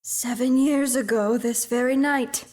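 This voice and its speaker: In a student radio drama, an actor voices the mournful ghost of an old businessman bound in chains. He speaks solemnly at a measured pace with an extremely high pitch and a steady, darkish tone, dropping into breathy whispers.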